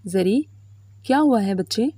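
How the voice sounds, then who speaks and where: A woman voicing a worried middle-aged mother who talks softly and pleadingly. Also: mid-range voice, animated, no echo, lightly acted. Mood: tender. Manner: pleading, soft.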